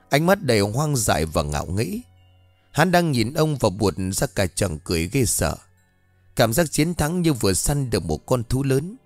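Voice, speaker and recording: A man narrating a scripted ghost story in an expressive, dramatic reading. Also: medium pitch, no room sound. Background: faint background music.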